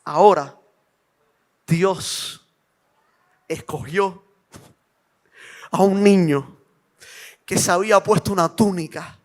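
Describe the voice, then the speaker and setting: High-voiced fervent male preacher. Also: takes it slowly, long pauses. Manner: dramatic storytelling, acting out the characters' lines; rises to loud, fervent exhortation. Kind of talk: sermon.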